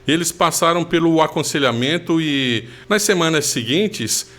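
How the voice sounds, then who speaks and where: Earnest man telling a testimony, higher voice. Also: fairly bright tone. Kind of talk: personal testimony narration.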